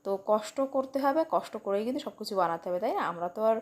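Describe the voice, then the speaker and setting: A woman's voice: mid-range voice, lively intonation, racing. A woman vlogging casually from her home, chatting directly to her viewers with frequent tag questions. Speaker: home vlogger and private tutor.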